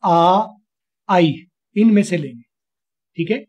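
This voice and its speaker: A male teacher from Pakistan runs an online spoken English lesson. His voice sits high for a man and comes through a muffled, lo-fi call. He drills the student with patient, repetitive questions. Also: slow pace, a little mellow, slightly rough.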